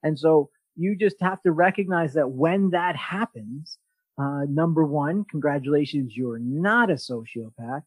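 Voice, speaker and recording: A man hosting a podcast, giving an energetic motivational talk and often restarting his sentences. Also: on the high side, unhurried, breathy edge, no echo, poor audio. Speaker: podcast host.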